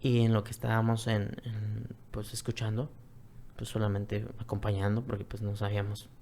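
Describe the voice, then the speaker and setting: A man from Mexico with a Mexican accent, telling a personal story as a guest in an earnest, repetitive way that often drops to a soft near-whisper. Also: on the low side, completely flat delivery, normal speed, a little hiss or hum. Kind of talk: personal testimony, conversational storytelling.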